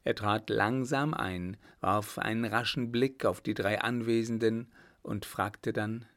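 A male narrator reads a classic adventure story in a measured, steady way. His voice sits on the lower side. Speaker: audiobook narrator. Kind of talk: scripted narration of an adventure novel.

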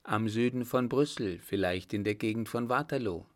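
A man voicing a confident young lieutenant in a calm, assured way, in a storybook reading. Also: fairly low pitch, moderate pace, close to an everyday voice.

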